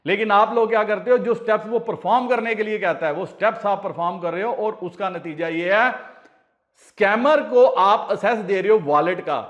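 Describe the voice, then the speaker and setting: A man's voice: high voice, normal speed. Earnest man repeating warnings. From India. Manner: pleading, personal tone with viewers. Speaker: crypto channel host. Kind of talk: casual advice vlog.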